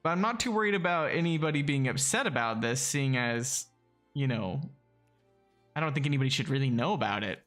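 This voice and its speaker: A man's voice: medium pitch, expressive, fairly quick, a bit bright, faint music behind. A man casually chatting while playing a strategy game on a live stream, easygoing and hesitant, with plenty of ums and chuckles.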